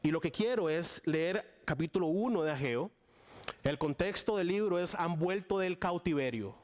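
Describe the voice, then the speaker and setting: A man's voice: sits high, lively intonation, normal speed. A young Costa Rican man with a Costa Rican accent, preaching a casual guest sermon with lots of fillers and restarts. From Costa Rica. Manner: chatty and warm with frequent fillers and restarts.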